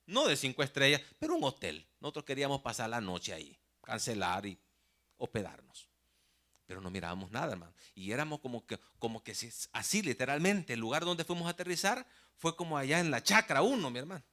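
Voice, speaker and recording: Preacher, man, lively storyteller with a bright, forceful voice, sermon in church. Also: medium pitch, a little fast. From El Salvador. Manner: animated storyteller, often says "mi hermano". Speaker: pastor.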